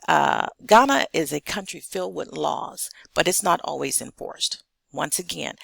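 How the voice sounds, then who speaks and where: A woman's voice: deep voice, gravelly, a bit bright, no echo. An American woman from South Carolina speaking straight to viewers in a blunt, emphatic way, repeating her key points. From South Carolina, United States. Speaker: vlogger addressing an online audience. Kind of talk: direct-to-viewer vlog commentary.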